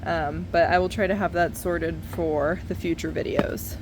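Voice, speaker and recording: A woman's voice: on the low side, fairly even intonation, normal speed, background noise. A woman in her thirties giving a casual, chatty painting tutorial from a basement, recorded far from the mic without a proper microphone. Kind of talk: casual hands-on tutorial talk. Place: basement studio, indoors. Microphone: no external microphone, camera at a distance.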